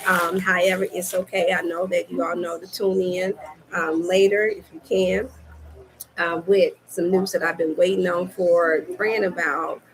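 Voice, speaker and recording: A woman hosting her wellness channel live, chatting excitedly with viewers, repeating herself and getting tongue-tied, greeting people by name. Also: fairly low pitch, unhurried, a little hiss or hum, poor audio. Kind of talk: casual live stream chat.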